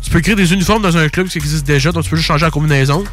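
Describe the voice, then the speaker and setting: A young man with a Québécois accent hosting a casual sports podcast, excitable and slangy, swearing freely. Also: a little high, rapid-fire, faint music behind. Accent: Québécois French. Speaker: podcast host.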